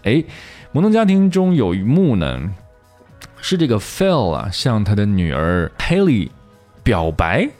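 Chatty male English teacher, very deep voice. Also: sing-song, unhurried, darkish tone, soft background music. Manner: chatty and self-correcting, with many fillers. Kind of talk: casual online English lesson.

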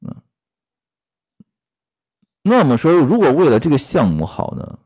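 Here a man's slightly high, husky, darkish voice swoops wildly in pitch as he takes his time. He plays storyteller and commentator, recounting a classic novel episode, relating it to the workplace, and leaning heavily on fillers and rhetorical questions.

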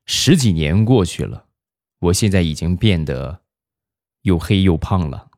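A man narrating funny stories in a wry, deadpan way. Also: low voice, unhurried, dry recording, studio quality. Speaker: comic storyteller. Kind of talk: scripted comic narration.

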